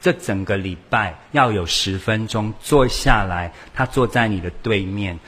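A man's voice: fairly low pitch, measured pace, slightly rough. A man giving a humorous church lecture, telling stories with acted dialogue. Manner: lively storytelling with acted dialogue. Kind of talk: humorous sermon-style lecture.

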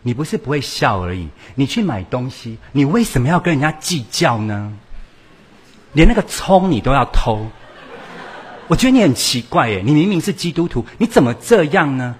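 A man's voice: very animated, normal speed, husky, exaggerated voice. A man voicing an exasperated teenage child who whines and accuses his mother in rising tones. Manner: whiny, accusing, rising pitch.

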